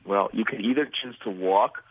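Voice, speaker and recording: An American nonprofit founder, interviewed as a guest over the phone, talks earnestly and at length, often restarting his sentences. His voice is on the low side at a normal pace, carried over a phone line with slight background noise.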